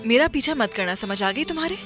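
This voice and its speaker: A woman's voice: a little high, animated, fairly quick, fairly bright tone, soft background music. A woman dubbing a film role, a proud young woman who speaks in a curt, dismissive, defiant way. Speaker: dub actress.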